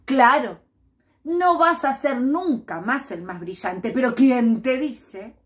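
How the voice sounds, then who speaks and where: A woman with a Rioplatense Spanish accent voicing a wise old octopus who gives calm, knowing advice in a storybook tale. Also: high voice, slow pace, pitched above the performer's own voice.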